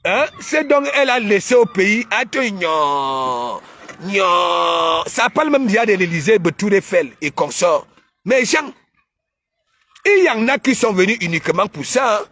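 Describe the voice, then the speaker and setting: A man from Cameroon with a Cameroonian accent, hosting a casual live stream where he mocks and teases, often breaking into shouts. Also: sits high, sing-song, normal speed. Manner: mocking, teasing, bursts of shouting.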